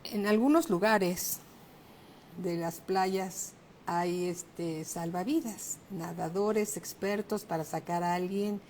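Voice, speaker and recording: A middle-aged woman pastor, preaching a sermon in a slow, emphatic way. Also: on the low side, steady tone, a little mellow, a little hiss or hum. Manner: slow, emphatic preaching, raising her voice for exclamations.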